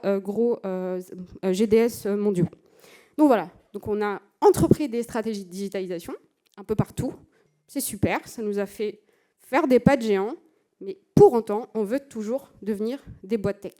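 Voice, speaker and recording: A woman speaks from a conference stage, pausing often on fillers and restarting her phrases. Her voice sits a little high but sounds soft and mellow. She now and then breaks into a light laugh between points. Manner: hesitant, many fillers and restarts. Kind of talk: conference talk.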